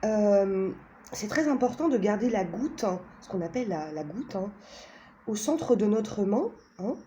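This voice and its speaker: A woman's voice: mid-range voice, animated, measured pace, dark tone, a little hiss or hum. A woman casually presenting a pendulum and a card deck, talking hesitantly with many fillers and tag questions, chatty and self-mocking.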